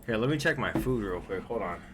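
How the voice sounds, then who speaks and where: A man's voice: fairly low pitch, animated, brisk, background noise. A man at home giving casual, rambling reaction commentary on videos, loose and laid-back, with lots of filler words.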